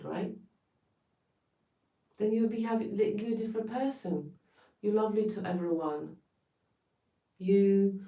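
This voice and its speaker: A woman's voice: mid-range voice, darkish tone. A woman from Poland with a Polish accent giving an emphatic, blunt motivational talk on a live stream, swearing now and then for emphasis. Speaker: wellness coach. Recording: roomy sound, distant from mic.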